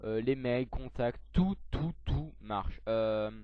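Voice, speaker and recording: A young man talking through a software tutorial on his computer, hesitant, with lots of fillers and self-corrections. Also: mid-range voice, slow, dry recording. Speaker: tech tutorial youtuber. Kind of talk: screen-recorded software tutorial. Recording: dull lo-fi mic, dry.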